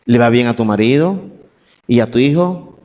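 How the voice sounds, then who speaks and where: A man preaching a sermon, reading scripture verses and then building to shouted emphasis. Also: mid-range voice, lively intonation, normal speed. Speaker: pastor. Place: church sanctuary. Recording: long church reverb, faint music.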